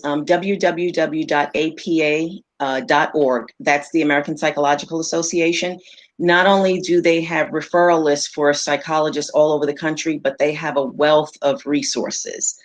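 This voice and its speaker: A woman's voice: sits low, steady tone, measured pace. A woman psychologist speaking as a panel guest over a video call, in a practical, matter-of-fact way. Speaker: psychologist and therapist. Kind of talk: casual panel talk on a live webinar.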